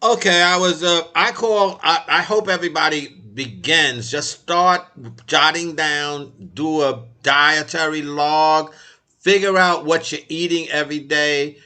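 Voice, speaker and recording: A man's voice: on the high side, measured pace, pushed and bright. A man in his eighties co-hosting a casual talk show, earnest, often repeating and restarting words. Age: 80s. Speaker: co-host.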